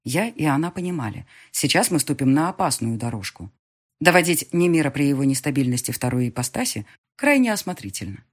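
A woman narrating a first-person fantasy audiobook in an expressive, sardonic way. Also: extremely low pitch, fairly quick.

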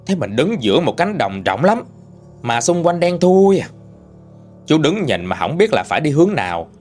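A man with a Southern Vietnamese accent narrating a ghost story in a chatty, folksy way. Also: medium pitch. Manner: lively, chatty folksy telling.

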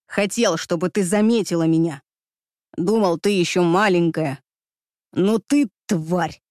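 A woman's voice: lowish voice, darkish tone, dry recording, studio quality, pitched below the performer's own voice, natural voice. A woman voicing a brutal, obsessed young male kidnapper who hisses and snarls threats.

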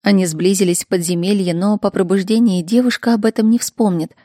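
Mellow-voiced woman narrating a story. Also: mid-range voice, steady tone, brisk, no room sound, studio quality. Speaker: audiobook narrator. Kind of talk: first-person story narration.

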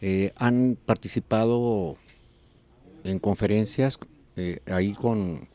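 A Mexican man with a lowish, dark-toned voice hosts a casual talk show in Mexican Spanish, speaking slowly. He rambles through casual radio chat with many fillers and restarts.

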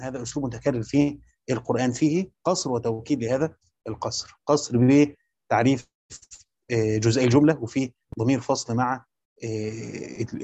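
A man's voice: mid-range voice, warm tone. Egyptian man teaching, dull lo-fi recording. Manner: explains step by step, quizzing listeners with repeated questions. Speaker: Quran commentary teacher. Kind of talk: classroom lecture on Quran exegesis.

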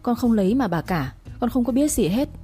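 A woman voicing a frightened young wife who pleads and weeps in a higher voice. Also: big pitch swings, a little fast, dark tone, soft background music. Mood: pleading.

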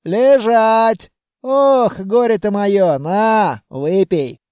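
A man's voice: sits high, drawn-out words, darkish tone, no echo, clean studio sound, pitched above the performer's own voice. A man voicing a stern, fussing old grandmother who heals by magic in an audiobook. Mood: bossy. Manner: scolding, commanding.

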